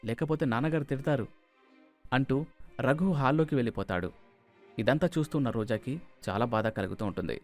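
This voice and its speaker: A male narrator telling a cartoon moral story. He reads at a brisk pace in a middle pitch. Light music runs underneath. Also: a little mellow. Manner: plain storytelling.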